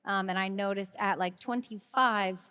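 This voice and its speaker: Animated woman telling tour stories. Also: medium pitch, normal speed, smooth. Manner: animated, acts out quoted voices. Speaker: podcast co-host and singer. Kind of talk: casual podcast chat.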